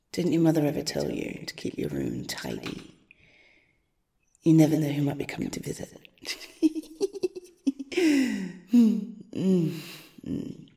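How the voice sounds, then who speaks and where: A woman voicing an obsessive, unhinged female stalker in a whispered audio roleplay, crooning slowly and intimately in a breathy voice. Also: dark tone, heavily acted. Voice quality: breathy whisper with creaky low tones. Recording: roomy echo.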